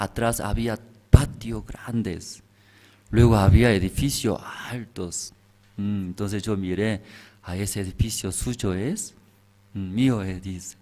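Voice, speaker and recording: A male pastor delivers a sermon in simple, broken phrasing. He speaks slowly, pausing to check in with short questions. His voice sits a little low. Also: a little mellow. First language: Korean. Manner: simple broken Spanish with frequent tag questions.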